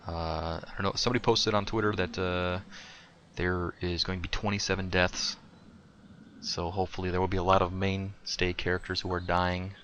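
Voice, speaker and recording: Deep-voiced man ranting sarcastically. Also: little pitch movement, moderate pace, fairly bright tone, a little hiss or hum. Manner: sarcastic, rambling, lots of fillers. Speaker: podcast host. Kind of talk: casual opinion rant.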